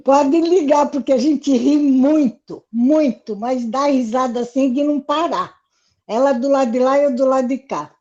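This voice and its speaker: A woman's voice: sits high, moderate pace, darkish tone, lo-fi sound. A woman telling a funny story on a video call, often breaking into laughter. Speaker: group participant. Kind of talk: casual storytelling.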